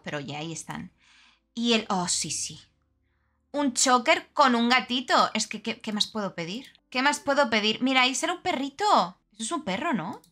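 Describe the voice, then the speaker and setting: A woman's voice: sits high, bright, forceful tone. A young woman gives casual, chatty game commentary, gushing and exclaiming as she goes. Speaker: game reviewer.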